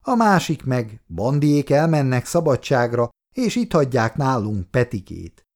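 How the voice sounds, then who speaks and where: A man's voice: mid-range voice, sing-song, darkish tone. A man voicing a mild, conciliatory middle-aged father in a read-aloud story, talking in a placating, lightly joking way.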